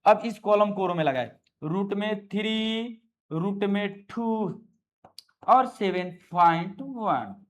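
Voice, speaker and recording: Male maths teacher, high-pitched, coaxing, repeats questions to students. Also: slow. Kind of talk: classroom maths lesson.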